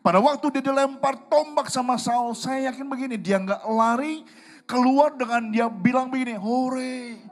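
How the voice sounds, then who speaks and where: Male pastor in a church service, high-pitched; dramatic storytelling sermon that quizzes the congregation. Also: moderate pace. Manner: storytelling, asks the congregation questions.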